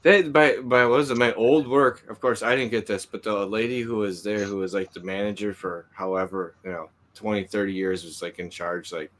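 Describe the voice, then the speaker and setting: A man's voice: lowish voice, fairly even intonation, brisk, few pauses, a bit bright, slight background noise. A man co-hosting a casual chat, joking around, laughing often and swearing.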